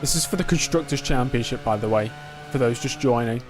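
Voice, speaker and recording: Over background music, a twenty-something man streams live as he races, keeping up a casual, chatty commentary, responding to chat and coaching himself under pressure. His pitch is medium and his pace fairly quick.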